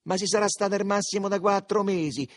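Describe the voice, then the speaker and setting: A man's voice: on the high side, expressive, normal speed, voice pushed up. A man voicing rowdy Roman teen boys with a crude, jeering Roman accent. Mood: bragging. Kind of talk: audiobook character voice.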